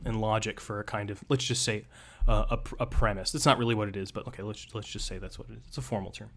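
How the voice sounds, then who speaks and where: A man teaching rhetoric on a live stream, reading passages aloud and then explaining them in a loose, digressive, joking way. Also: mid-range voice. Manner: casual, digressive, reads passages aloud then riffs with playful asides.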